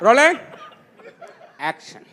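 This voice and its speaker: A man's voice: measured pace, in a large hall, a loud crowd, heavy background noise, lightly acted. A man putting on an impatient male film director who barks orders and scolds the crew on set. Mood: bossy shouting.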